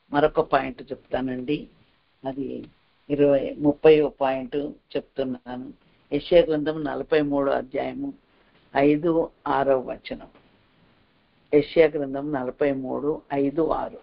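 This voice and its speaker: A man's voice: on the high side, vocal fry, lo-fi sound. A man preaching a sermon, earnest and repetitive as he exhorts his listeners.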